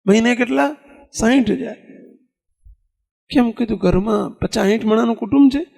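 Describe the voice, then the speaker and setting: A man's voice: very high-pitched, moderate pace, creaky. A man with a Gujarati accent preaching a sermon, telling stories and putting questions to his listeners. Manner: animated storytelling, rhetorical questions to listeners.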